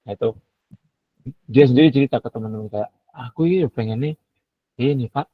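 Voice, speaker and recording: A man teacher speaks politely in a relaxed, casual way, often quoting his pupils. His voice sits in a middle pitch. The recording is dry and dull. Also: fairly quick, dry recording. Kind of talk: casual chat in a coaching practice session.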